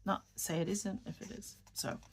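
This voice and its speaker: A New York woman, a fountain pen vlogger, chats casually while writing in a notebook, rambling a bit, correcting herself, and murmuring as she writes. Her voice is medium-pitched, creaky and husky, with fairly even intonation and a moderate pace.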